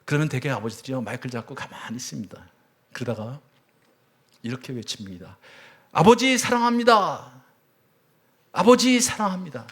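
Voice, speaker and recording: A middle-aged man preaching a sermon as a church elder, telling stories with sudden swings between loud cries and hushed words. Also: mid-range voice. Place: church sanctuary.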